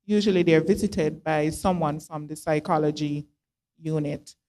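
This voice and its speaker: A woman's voice: deep voice, fairly even intonation, normal speed, warm tone. A woman explaining things on a discussion panel, speaking into a handheld microphone. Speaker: health forum panellist. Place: forum hall, on stage.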